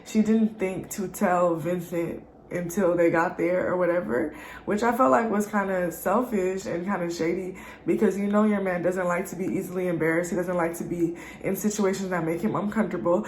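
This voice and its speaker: A woman's voice: lowish voice, steady tone, moderate pace, a little mellow. Young woman, stuffy congested voice, casual slangy chat, roomy echo, faint background hum. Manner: chatty, slangy, addresses viewers directly. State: congested from allergies. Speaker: YouTube show reviewer.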